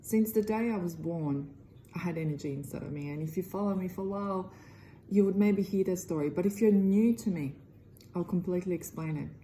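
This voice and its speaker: A middle-aged woman with a Croatian accent, working as an energy healer, talks earnestly to camera to promote her healing work. She speaks briskly in loosely phrased English, her voice low and mellow. The recording is rough, with a faint hiss underneath.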